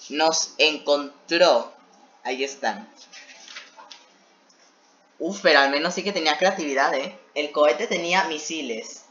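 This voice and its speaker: A man with a slightly high, bright voice reads lines from a story he wrote long ago. He keeps breaking off to tease it with joking asides. The sound is echoey and a bit dull, as if recorded on a cheap mic in a bare room. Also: slight background noise. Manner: self-mocking, joking asides between read passages. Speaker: video creator reacting to his own old series. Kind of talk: reading aloud and commenting on an old story.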